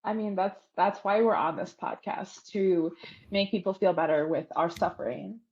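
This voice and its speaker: A woman's voice: mid-range voice, fairly even intonation, darkish tone, slightly rough. Reactive woman co-host on a dull call line. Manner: reactive, quick interjections. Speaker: podcast co-host. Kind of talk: casual chat.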